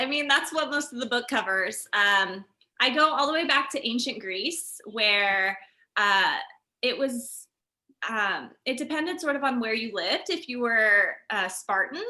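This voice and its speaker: A woman author being interviewed, explaining her research in a conversational way with many fillers. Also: mid-range voice. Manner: animated, explanatory, with frequent fillers. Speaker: author and guest.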